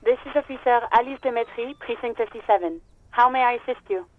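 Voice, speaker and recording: Flinke Polizeifunkerin über Funk. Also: female voice, a little high, fast. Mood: polite. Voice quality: crisp, formal telephone courtesy. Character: brisk female police dispatcher officer. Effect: radio transmission. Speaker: police radio dispatcher. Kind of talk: video game voice acting. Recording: tinny radio line with static.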